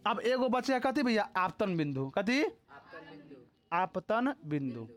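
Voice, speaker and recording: A man's voice: high-pitched, big pitch swings, takes it slowly. Bihari guy teaching physics to a class, keeps asking if anyone has doubts, teasing and scolding the kids. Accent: Bihari Hindi. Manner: repeatedly quizzes students, scolds and teases them. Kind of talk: live classroom lecture.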